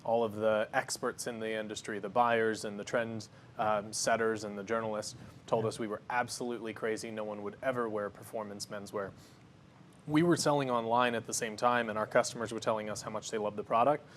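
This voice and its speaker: A man's voice: fairly low pitch, a little fast, a little hiss or hum. Confident man talking through a cooking demo. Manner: confident, energetic, explains as he works. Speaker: company founder guest. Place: studio kitchen.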